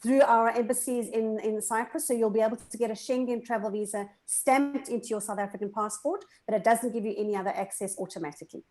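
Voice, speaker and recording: A woman panelist explaining residency rules clearly and confidently over a video call. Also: fairly high pitch, fairly even intonation, fast talker, few pauses, a little mellow.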